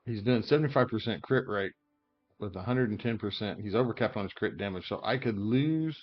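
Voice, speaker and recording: A man whose voice sits on the low side talks fairly quickly through character builds in a game, thinking aloud with many fillers and hiccups in casual commentary. He's a game guide creator. The highs are cut off, and faint music plays behind him.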